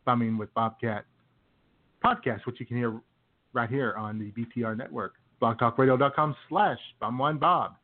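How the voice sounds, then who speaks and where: Another co-host of the comedy podcast jokes around and makes mock-serious comments at a moderate pace in a mid-range voice. The recording sounds tinny, as if from phone-style internet radio.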